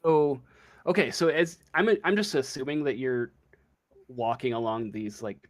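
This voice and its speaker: A man with a mid-range voice narrates a tabletop game as the game master, improvising and pausing haltingly as he searches for words.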